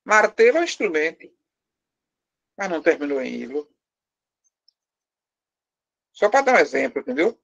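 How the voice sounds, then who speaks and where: A man's voice: a little high, big pitch swings, normal speed, gravelly, long pauses, a bit bright, dull audio. A man with a Brazilian Portuguese accent teaching a live class, explaining step by step, quizzing his students and joking with them. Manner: lightly teasing, joking with the class. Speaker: language teacher.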